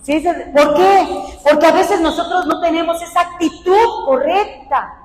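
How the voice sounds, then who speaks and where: Woman preacher, lively, shouts her points, high voice in a reverberant hall. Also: unhurried, slight background noise. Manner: animated, shouting for emphasis, laughing asides. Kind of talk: sermon. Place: church hall. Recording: echoey church hall.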